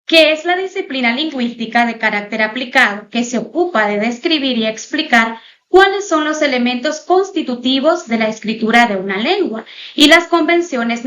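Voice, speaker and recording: A woman's voice: sits high, fairly bright tone, highs cut off. A woman teacher giving a recorded online lesson, speaking formally and explaining points step by step to her students. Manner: pauses to spell out example words slowly. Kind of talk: recorded online class lecture.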